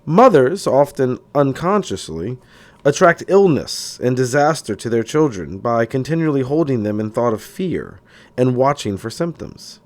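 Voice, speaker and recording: A man reads a self-help book in audiobook style, deliberate and declarative, now and then stumbling over words. His voice sits in the mid-range with lively intonation.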